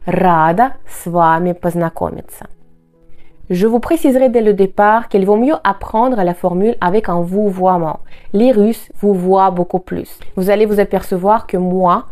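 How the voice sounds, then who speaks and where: A woman with a Russian accent gives a language lesson at an unhurried pace. She says each model phrase slowly and patiently, then repeats it. Faint music plays underneath. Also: mid-range voice, a little mellow. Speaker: Russian teacher.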